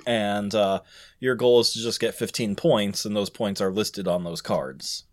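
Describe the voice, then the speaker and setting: A man's voice: lowish voice, a little slow. A man co-hosting a podcast, chatting casually and explaining things in a conversational way. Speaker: podcast co-host.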